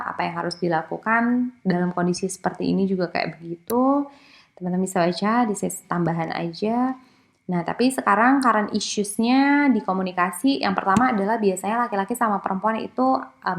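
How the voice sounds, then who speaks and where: Woman, casual lecturer, loose and chatty, mixes in English words, acts out quotes in a higher voice. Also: creaky. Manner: casual, with frequent fillers and English terms; acts out quoted speech in a raised voice. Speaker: psychology lecturer. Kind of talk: online lecture.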